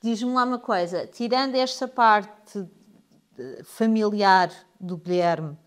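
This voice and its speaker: A woman hosts a casual podcast interview, her voice smooth and resonant at a middle pitch. She keeps the talk moving with prompting questions and frequent checks that she has understood. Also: takes it slowly. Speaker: podcast host.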